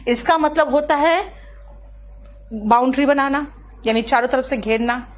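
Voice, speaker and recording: A woman's voice: sits high, a little hiss or hum. A woman teacher, lecturing an online class, checking often whether students follow and calling on them by name. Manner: explains slowly, checks often with "clear?" and "है ना". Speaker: English teacher.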